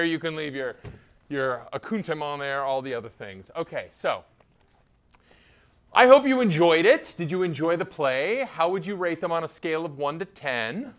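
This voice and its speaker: A man giving a theatrical conference talk on stage, animated and acting out verse rhythms for an audience. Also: mid-range voice. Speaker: conference speaker.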